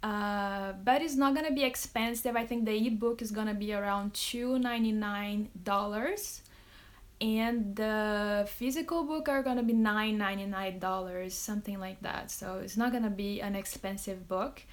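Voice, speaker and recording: A Brazilian romance author answers fan questions casually during a social media live stream on her phone, chatty and full of fillers and laughs. She speaks in a mid-range voice at a moderate pace.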